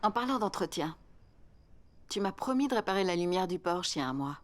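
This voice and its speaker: A woman's voice: on the low side, expressive, a little fast, lightly acted. A woman dubbing a talkative middle-aged teacher wife. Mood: chatty. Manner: talkative, complaining, pointed. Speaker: schoolteacher. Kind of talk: film dub.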